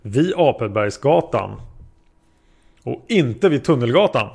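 A man's voice: mid-range voice, animated, gravelly, a little mellow, breathy edge. A man voicing a male defense lawyer asking formal, probing questions.

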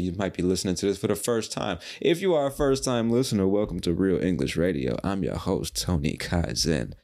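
A man's voice: sits low, a little mellow. A man hosting a casual solo podcast, talking in a rambling, playful way with the odd swear word. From United States. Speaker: podcast host.

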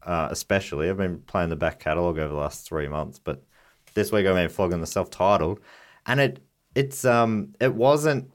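A man's voice: sits low, moderate pace. An Australian man co-hosting a podcast, chatting casually and jokily about music, full of wordplay and rambling asides. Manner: jokey, rambling, plays on words. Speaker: podcast co-host.

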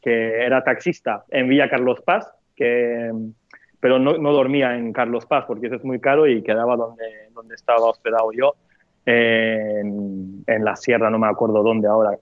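A man from Spain talking as a guest on a casual podcast, animated and quick to laugh and swear. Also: mid-range voice, no echo, narrow, tinny audio.

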